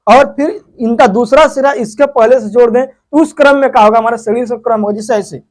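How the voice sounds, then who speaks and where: A man teaching a physics lesson, who keeps asking questions and answering them himself as he explains step by step. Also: very high voice. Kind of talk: whiteboard lesson.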